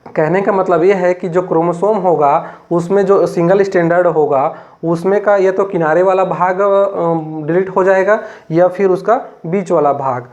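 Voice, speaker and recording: A man's voice: high-pitched, steady tone, normal speed, darkish tone, highs cut off. A man from Chhattisgarh teaching a biology class, explaining step by step and repeating himself often, with many fillers. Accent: Chhattisgarh Hindi. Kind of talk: classroom lecture.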